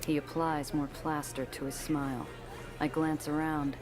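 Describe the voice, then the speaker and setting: World-weary noir detective played by a man, measured delivery. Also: a little high, music in the background, close to an everyday voice, poor audio. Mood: brooding, cynical. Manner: hard-boiled, brooding, flatly measured. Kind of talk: self-narrated noir detective monologue.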